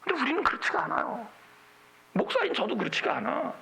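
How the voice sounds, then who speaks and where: Animated, gravelly Korean pastor preaching. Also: male voice, very high voice, fast, poor audio. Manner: colloquial storytelling, acting out quoted voices with wide swings. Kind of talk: sermon.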